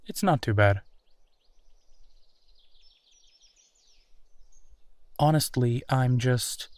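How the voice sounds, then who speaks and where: In a roleplay audio drama, a man plays a friendly, easygoing werewolf, chatting casually and reassuringly in a natural one-sided conversation with small hesitations. His voice is medium-pitched, smooth and a little dark, close to how someone normally talks.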